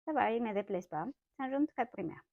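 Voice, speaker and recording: A woman's voice: a little high, animated, fast, gravelly, dry recording, muffled recording. Mexican-accented woman, dry close sound. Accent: Mexican Spanish. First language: Spanish. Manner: chatty, self-correcting, light laughs. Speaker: watercolor artist. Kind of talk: casual art tutorial. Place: home art studio.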